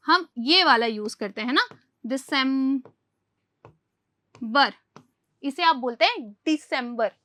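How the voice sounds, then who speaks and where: Lady teaching english words, quizzes you and repeats them, high bright voice. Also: dry recording, studio quality. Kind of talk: spoken English lesson in Hindi.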